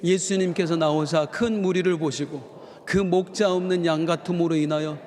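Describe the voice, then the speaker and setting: A middle-aged man preaching a sermon as pastor, telling stories in a folksy, animated way. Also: fairly high pitch, normal speed. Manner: folksy, animated storytelling with acted quotes. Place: church sanctuary. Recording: long church hall reverb.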